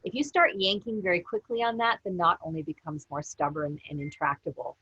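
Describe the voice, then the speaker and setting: A woman yoga teacher gently guiding a class through slow breathing and movement. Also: on the low side, husky, no echo, muffled recording. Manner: gentle, unhurried guidance. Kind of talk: guided yoga class instruction.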